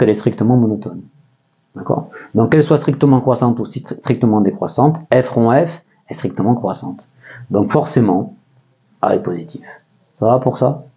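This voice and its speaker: Low, mellow-voiced French math teacher. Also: male voice, dull audio. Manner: casual, thinks aloud with many fillers and checks on listeners. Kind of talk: chalkboard math lesson.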